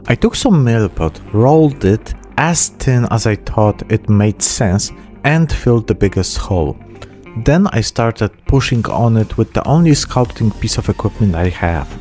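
With faint music behind him, a man in his thirties narrates a casual tutorial for his miniature painting channel, often at his own expense. His lowish voice is expressive, a little mellow, and measured in pace. The sound comes from a close desk microphone with a pop filter in a small room.

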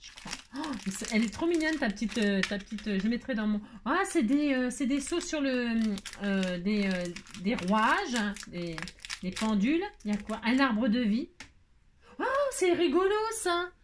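A woman's voice: on the high side, lively intonation, normal speed, noisy background. A woman craft vlogger chatting to her viewers while opening mail, effusive and gushing, repeating her exclamations and often trailing off to restart. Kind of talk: casual chat to viewers.

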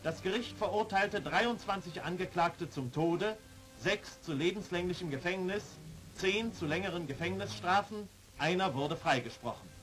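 A man's voice: high voice, lively intonation, moderate pace, a bit bright, faint music behind, rough recording. A man reading scripted 1940s newsreel narration in a formal, solemn manner, on a vintage soundtrack.

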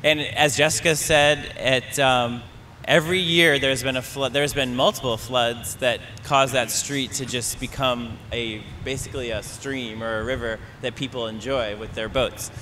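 Brief: man, audience member at a panel, relaxed and halting, bright, crisp tone. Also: medium pitch, a little hiss or hum. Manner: casual, hesitant with frequent fillers. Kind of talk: public panel discussion.

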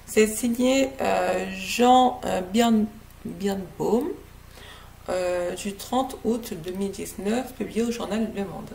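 Woman from french guiana doing a book review at home, slow and halting, lots of ums, bit of fry in the voice. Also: mid-range voice, darkish tone. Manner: hesitant, many filler sounds, careful. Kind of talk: casual book review to camera. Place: living room at home, indoors. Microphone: laptop webcam, seated close.

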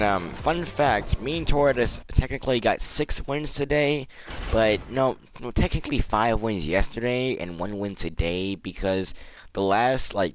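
A gaming video creator with a hoarse, sore-throated voice, chatting casually and haltingly, with many fillers and coughs, to introduce a gameplay video. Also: sits low.

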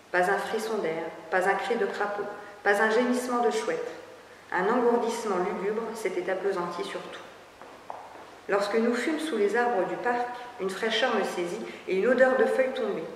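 A woman giving a measured literary reading aloud in a library reading room, recorded from far off with faint hiss. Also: mid-range voice. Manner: measured storytelling delivery. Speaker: public reader. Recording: echoey hall, far from the mic, faint hiss.

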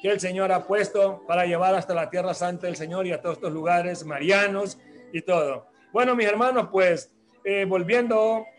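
A man's voice: sits high, steady tone, moderate pace, soft background music. A man hosting a religious program, giving announcements and church talk in a rambling, hesitant way, full of restarts and tag questions.

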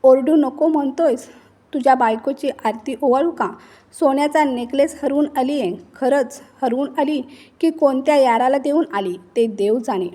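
A woman's voice: fairly high pitch, measured pace. A woman reading the lines of a harsh, accusing older mother-in-law in a storybook tale. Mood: scolding. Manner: sharp, accusing.

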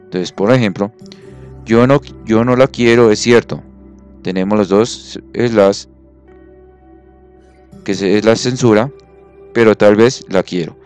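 Male teacher, lower voice, patient and methodical, faint music behind. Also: slow, long pauses, a little mellow, clean tone. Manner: patient, counts syllables aloud, checks understanding. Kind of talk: explanatory classroom lesson.

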